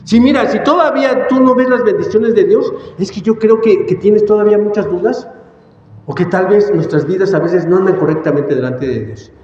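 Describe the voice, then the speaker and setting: A man's voice: high-pitched, moderate pace, a little mellow, slight background noise. A man preaching a sermon, emphatic and repeating words as he goes, recorded in a church hall. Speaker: pastor. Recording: echoey church hall, dull sound.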